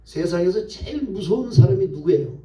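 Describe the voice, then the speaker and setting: A male pastor preaching a sermon in a church, telling stories lively and asking the congregation questions. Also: high voice, a little fast. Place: church sanctuary. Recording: echoey church, voice from far off the mic.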